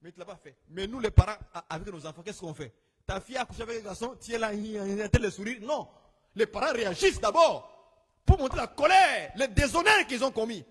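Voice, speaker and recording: A man preaching an exhortation, swinging between shouted rebukes and quiet asides. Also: animated, a little fast, slightly rough. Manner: exhorting, rising into shouts then dropping low. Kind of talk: sermon. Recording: long hall reverb.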